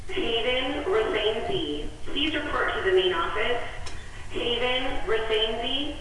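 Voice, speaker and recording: A woman's voice: on the high side, animated, takes it slowly, a little hiss or hum. Woman paging over a school intercom. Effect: school intercom loudspeaker announcement. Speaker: school office staff making an announcement. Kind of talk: public address announcement. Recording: echoey loudspeaker heard from far off in a classroom.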